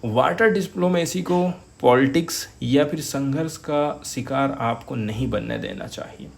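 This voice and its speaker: Guy teaching current affairs, bit of fry in his voice, faint hiss behind. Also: medium pitch, a little slow. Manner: explains terms with examples, addresses viewers as friends. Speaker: exam coaching teacher. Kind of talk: editorial analysis lecture.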